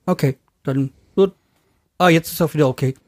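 A man's voice: a little high, normal speed, dry recording, studio quality. A man in a casual podcast chat, hesitant, repeating himself as he gives his opinions.

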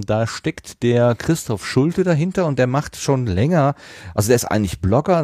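A man's voice: medium pitch, dark tone, no echo, clean studio sound. A man hosting a casual podcast chat, talkative, with many fillers and easy laughs. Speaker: podcast host.

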